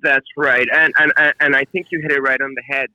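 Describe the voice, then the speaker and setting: Man, forties, friendly podcast guest, bright voice, dull lo-fi audio. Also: mid-range voice, level tone, a little fast, dry recording. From Colombia. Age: 40s. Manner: friendly, leans on stock phrases like "of course". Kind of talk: casual interview talk. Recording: dull lo-fi sound.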